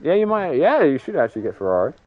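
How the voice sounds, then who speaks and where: A man's voice: on the high side, big pitch swings, fast, narrow, tinny audio. Rambling man hosting a race recap. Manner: filler-heavy, rambling, frequent "I mean". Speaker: host of sim racing league broadcast. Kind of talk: casual post-race interview.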